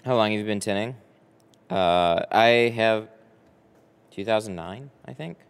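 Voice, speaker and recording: This early-thirties American livestreamer sits on the low side with some vocal fry and a smooth tone, replying to viewers in a casual, faltering way as he thinks aloud. He works as a window tinter. His setup is a close boom-arm mic inside a big garage workshop with a boat, which produces a long, hall-like reverb.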